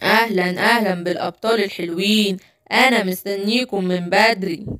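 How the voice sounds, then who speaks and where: A woman's voice: medium pitch, moderate pace, background noise, voice pushed down, natural voice. A woman with an Egyptian accent voicing a gloating, menacing beast villain in a children's story. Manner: gloating, threatening.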